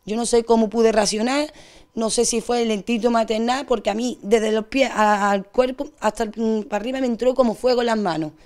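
A young woman with an Andalusian accent, giving a distressed, rushed account as an interviewee. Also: on the high side, fairly even intonation, darkish tone. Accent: Andalusian Spanish. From Spain. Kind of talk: emotional testimony.

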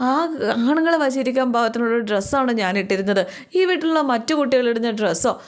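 A woman's voice: fairly high pitch, expressive, natural voice. A woman doing a tearful, wronged young woman. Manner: sobbing complaint, halting.

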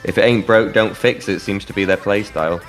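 A man casting an esports match play-by-play, excitable and climbing sharply in pitch at big plays. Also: a little fast, soft background music. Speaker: esports caster.

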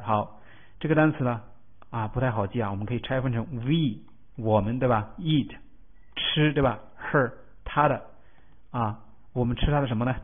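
A male teacher walks through English vocabulary in a recorded lesson, breaking words into roots and spelling out their letters. His voice sits at an ordinary middle pitch, and he often pauses to ask a checking question. The audio is thin and tinny, like a phone line.

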